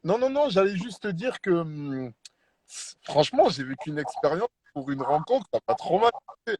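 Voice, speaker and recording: A man in a casual live debate who speaks hesitantly and haltingly, repeating words as he searches for them. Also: on the high side, darkish tone, slight background noise. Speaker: debate participant.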